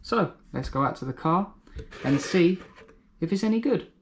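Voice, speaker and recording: A man's voice: high voice, lively intonation, normal speed. Chatty man reviewing car-care products. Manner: chatty, thinks aloud while explaining.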